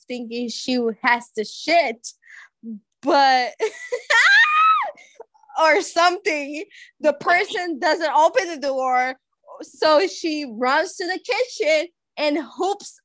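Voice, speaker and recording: High, lively tipsy woman telling stories. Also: dry recording. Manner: crude, giggly storytelling with apologies and restarts. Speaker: podcast co-host. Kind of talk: casual chat.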